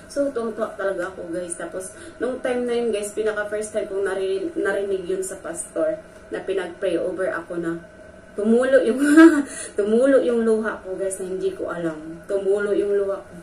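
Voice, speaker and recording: A woman's voice: mid-range voice, steady tone, brisk, warm tone. A woman vlogger telling a personal story, earnest and emotional, talking straight to her viewers. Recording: echoey room from a distance with faint noise.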